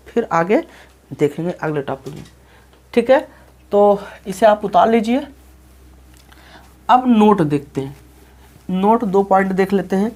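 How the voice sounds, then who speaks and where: Guy teaching physics, kinda high voice, keeps asking the kids questions then answering himself, lots of "okay?". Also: a little mellow. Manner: repeats himself, asks the class questions and answers them; calls the students "children" and checks "okay?" often. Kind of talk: classroom lecture explaining graphs.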